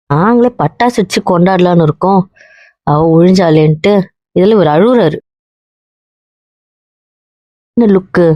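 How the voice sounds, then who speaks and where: A young woman acting in a web drama plays a blunt married woman who teases, lectures, and comforts her heartbroken cousin, repeatedly asking whether he understands. Her natural, mid-range voice has a darkish tone, and the dry, echo-free audio sounds dull and muffled.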